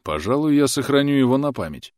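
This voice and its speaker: A man voicing a calm, sly immigrant father in an audiobook, speaking in a dry, deadpan way. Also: mid-range voice, fast, dry recording, voice pushed up, natural voice.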